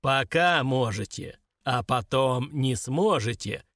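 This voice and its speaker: A man reading an audiobook, voicing an unseen spirit that threatens in slow, measured words. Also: mid-range voice, animated, fairly bright tone, dry recording, studio quality. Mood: menacing. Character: unseen deep-voiced spirit, menacing and slow. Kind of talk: audiobook character voice.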